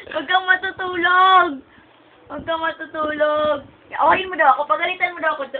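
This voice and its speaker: A woman in a casual home video, playful and teasing, laughing often. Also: extremely high pitch. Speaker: vlogger. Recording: tinny phone-like sound, faint noise.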